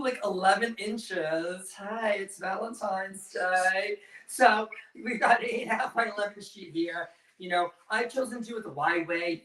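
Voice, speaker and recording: In a high, slightly bright voice, the host of a cooking demonstration runs a casual live show packed with campy drag queen banter and cheeky innuendo. Around him is an indoor kitchen with a stone counter; the mic is distant, giving roomy echo and faint noise.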